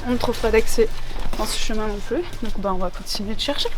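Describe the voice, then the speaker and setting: A young woman chatting casually on a vlog while exploring abandoned places outdoors, excitable and exclamatory, with a handheld camera. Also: mid-range voice, quick pace, background noise. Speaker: urbex vlogger. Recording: clear background music.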